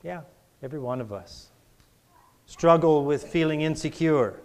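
Man preaching in church, slow and deliberate, slightly high voice, call-and-response, emphatic repetition. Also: darkish tone. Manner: call-and-response, has the congregation repeat after him. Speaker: pastor. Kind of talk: sermon. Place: church before a congregation.

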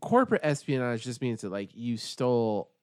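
A man's voice: mid-range voice, sing-song, moderate pace. A man co-hosting a casual podcast, dry and drawn out, full of filler likes. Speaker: podcast co-host. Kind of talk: casual chat.

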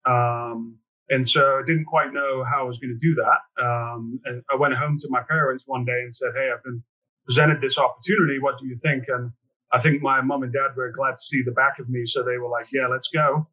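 A man from near chats as a podcast guest, relaxed and dotted with ums and uhs. His voice is bright and forceful. The audio sounds a little dull and lo-fi. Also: medium pitch, fairly quick. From England, near Liverpool. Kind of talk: casual interview chat.

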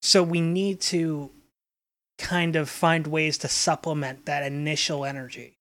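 A speaker in a relaxed podcast chat with an average-pitched voice. They tell stories slowly and loosely, wandering from detail to detail. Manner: meandering, reminiscing storytelling. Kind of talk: casual chat.

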